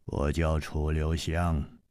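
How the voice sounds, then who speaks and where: A male storyteller voicing a calm, worldly swordsman hero who speaks low, hushed and measured. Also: dry recording, studio quality. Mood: calm, wry. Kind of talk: storytelling with character voices.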